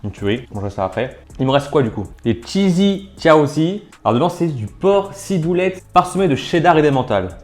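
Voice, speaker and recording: A man hosting a food video at home talks in a loose, chatty way, full of fillers, as he cooks and tastes dish after dish. His voice sits at a plain middle pitch, and he chews between short phrases. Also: animated, fast talker, few pauses, darkish tone. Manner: chatty, filler-heavy, talks while tasting and eating. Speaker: food challenge video host. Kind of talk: casual food vlog commentary. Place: at home kitchen and dining table.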